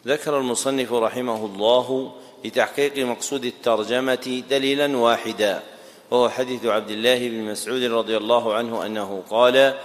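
A man gives a religious lesson, explaining slowly and deliberately, repeating key phrases and quizzing his students. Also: medium pitch, steady tone. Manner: checks understanding and quizzes students. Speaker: religious teacher. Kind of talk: classroom lecture explaining a text. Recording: reverberant lecture hall.

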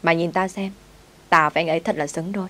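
A woman voicing a spoiled, sharp-tongued rich young woman who talks down to her servant, bossy and rude. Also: fairly low pitch, steady tone, quick pace, natural voice. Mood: haughty.

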